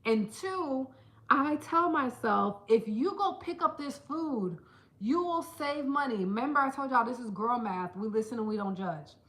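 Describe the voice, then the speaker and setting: A woman vlogger chatting casually to camera, telling stories in an animated way and putting on quick voices for the people she quotes. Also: fairly high pitch, echoey room, rough recording. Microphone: small handheld camera.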